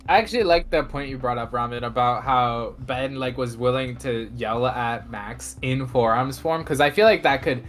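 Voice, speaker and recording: Sex: man. Pitch: middle. Style: casual podcast chat. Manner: quick, chatty. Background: faint music. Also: fairly bright tone.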